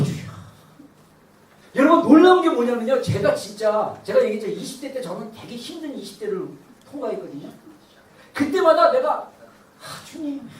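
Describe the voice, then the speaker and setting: A woman in her thirties preaching a lively sermon as pastor, at times shouting out cries to God. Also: a little high. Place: church sanctuary. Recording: roomy church hall from far off.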